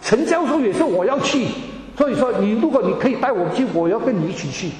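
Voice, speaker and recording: A man tells his personal testimony to a congregation in a high voice, tripping over repeated words and slipping English terms into his speech. He is recorded in a large hall that gives every phrase a long, roomy reverb. A faint room hum sits underneath. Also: big pitch swings, fast, a little mellow. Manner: stammering repetitions, drops in English words. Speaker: church member giving a testimony.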